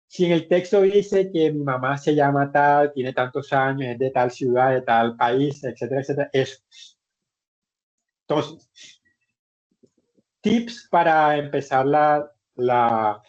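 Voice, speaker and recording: A man teaching an English class online in Spanish, explaining step by step with patient repetitions and restarted words. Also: mid-range voice. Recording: dull lo-fi online class audio.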